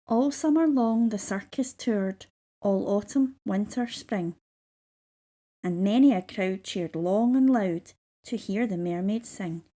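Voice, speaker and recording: A woman reading a children's story aloud in measured, rhythmic verse. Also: mid-range voice, mellow. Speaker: storybook reader.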